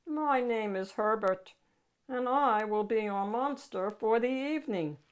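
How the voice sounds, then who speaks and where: A woman voicing a mild, bookish male monster with a breathy voice and a polite, earnest manner, for a storybook. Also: a little high, a little slow, natural voice.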